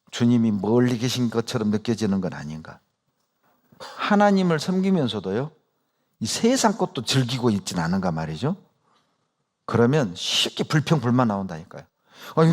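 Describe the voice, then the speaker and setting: Animated preaching man. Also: medium pitch. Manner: emphatic preaching with rhetorical questions to the congregation; acts out complaining believers in quoted asides. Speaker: pastor. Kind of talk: sermon.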